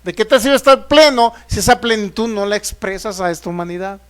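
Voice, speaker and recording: A man's voice: high-pitched, brisk, fairly bright tone, smooth. A man, a pastor preaching a sermon who keeps asking the congregation rhetorical questions and acts out the voices he quotes. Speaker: pastor teaching a healing course.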